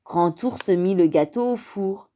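A woman reading a children's storybook aloud, slow and expressive. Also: medium pitch.

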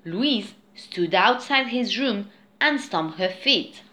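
Slow, animated woman reading a storybook. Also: medium pitch, heavy background noise. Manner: slow, expressive, singsong storytelling. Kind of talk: children's storybook read-aloud.

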